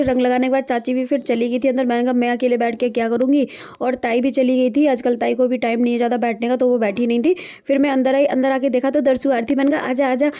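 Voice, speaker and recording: A woman's voice: high-pitched, dark tone. A young woman narrating her day in a chatty, diary-like home vlog. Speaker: vlogger.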